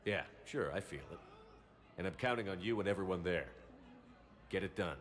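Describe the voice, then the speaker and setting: Man playing a deep-voiced, steady military commander. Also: lightly acted. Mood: supportive. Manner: measured, terse, calm. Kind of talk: video game dialogue.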